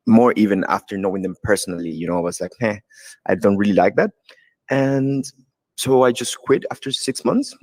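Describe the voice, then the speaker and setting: Deep-voiced man from Ecuador. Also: no echo. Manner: relaxed, rambling with many fillers. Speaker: guest. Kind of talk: casual interview talk.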